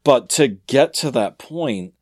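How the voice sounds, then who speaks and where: A man co-hosting a board game podcast, telling dad jokes deadpan and then talking through his thoughts in a halting, casual way. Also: medium pitch. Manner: deadpan joke-telling, halting when thinking. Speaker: podcast co-host. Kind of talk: casual chat.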